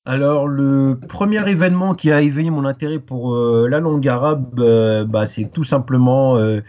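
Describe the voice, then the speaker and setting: Searching for his words, a French interview guest recounts his story slowly, filling gaps with pauses and fillers in a casual conversation. His dark, mellow voice sits at medium pitch, made even duller by the muffled lo-fi recording.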